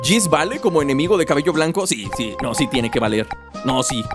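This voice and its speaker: A young man giving animated gameplay commentary, talking to his viewers and shouting and laughing as he fights. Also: on the high side, a little fast. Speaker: gaming YouTuber. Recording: loud game music behind the voice.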